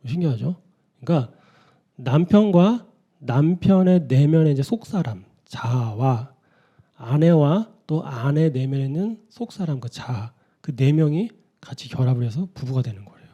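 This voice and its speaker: A man's voice: on the high side, animated, moderate pace, dark tone, slightly rough, dull audio. A man preaching an early-morning sermon in a conversational way, often putting rhetorical questions to his listeners. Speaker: pastor.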